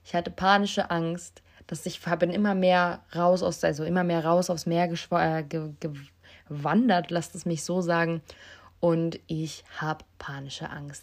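Young female podcast host, slightly low voice, casual and self-mocking storyteller, basic mic. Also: vocal fry. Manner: emotional, self-mocking, addresses listeners directly. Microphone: basic non-professional mic.

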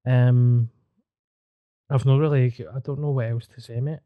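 A man's voice: medium pitch, steady tone, unhurried, smooth, no room sound, phone-quality sound. A man with a Glasgow street accent, chatting casually with plenty of slang and swearing. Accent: Glaswegian. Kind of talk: casual chat.

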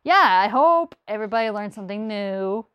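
A woman's voice: medium pitch, animated, fairly quick, clear, resonant tone, no room sound, muffled recording. A woman hosting a casual podcast chat, talking in a chatty way that repeats itself, with frequent laughs. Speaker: podcast host.

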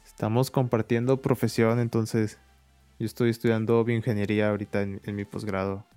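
A young man hosting an interview, relaxed and thinking aloud as he asks questions. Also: fairly low pitch, a little fast, clean tone, faint music behind. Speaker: interviewer, host. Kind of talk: casual interview chat.

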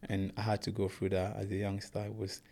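A man's voice: fairly low pitch, completely flat delivery, brisk, mellow. A young man from Congo, not a native English speaker, telling his life story earnestly as a guest in a casual interview. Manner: earnest, plain storytelling, says "bro" often. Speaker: guest, professional boxer.

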